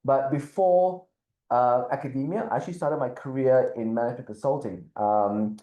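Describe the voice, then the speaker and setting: A middle-aged man from Malaysia, a business school dean, giving a measured webinar talk and often repeating words as he thinks. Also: medium pitch, warm tone, echoey room, low-quality recording. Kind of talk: webinar presentation.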